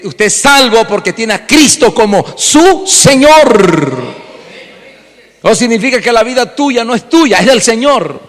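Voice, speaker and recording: High-voiced pastor preaching in a reverberant hall. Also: male voice. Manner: animated preaching, rhetorical questions, acts out congregants' voices. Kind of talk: sermon. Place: church hall. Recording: long church reverb.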